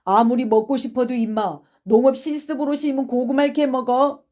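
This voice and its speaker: A woman voicing a brash schoolboy ringleader who hurls loud, taunting accusations in an audiobook reading. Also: mid-range voice, measured pace, close to an everyday voice. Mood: accusing.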